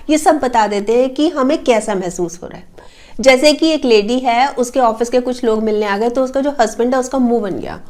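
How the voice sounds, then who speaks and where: A woman with a high, light voice talks through tips on communication in a relaxed, conversational way. She leans on homely examples and fillers as she explains each point. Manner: explains with everyday household examples; uses fillers like matlab and a. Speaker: personality development coach. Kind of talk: casual spoken advice talk.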